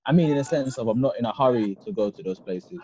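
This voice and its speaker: A man's voice: mid-range voice, animated, fast, dark tone. A man with an urban London roadman accent, chatting casually and informally in slang with friends. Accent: London, urban street slang. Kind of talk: casual podcast group chat. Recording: slightly dull, lo-fi sound.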